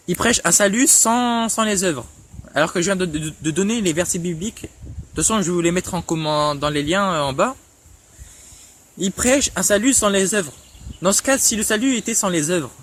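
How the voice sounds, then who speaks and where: A man's voice: high voice, fairly bright tone. A man preaching in an impassioned online rebuttal, stammering and restarting his words, reproaching a rival directly with repeated questions.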